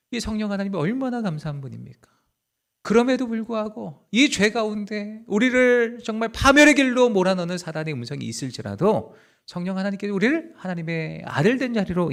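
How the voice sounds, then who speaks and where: Male pastor, slightly high and gravelly voice, lively sermon delivery with loud and hushed swings. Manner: animated, acts out dialogue in quoted voices.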